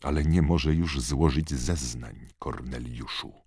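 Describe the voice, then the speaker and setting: A man voicing a wise old headmaster who speaks in a calm, grave, measured way. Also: very deep voice, husky, dry recording, clean studio sound, heavily acted.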